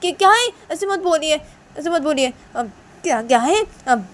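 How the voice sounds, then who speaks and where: A woman playing a young guy in a spoken story, voice pushed up high, insistent, repeating himself. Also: expressive, moderate pace, a bit bright. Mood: insistent denial. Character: young man, calm, denying to his friend's parents.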